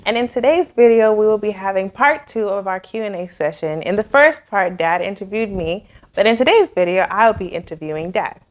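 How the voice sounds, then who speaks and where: A woman hosting a podcast, asking short interview questions and giving soft backchannel replies. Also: medium pitch, expressive, fairly quick, hardly any pauses. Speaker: podcast host.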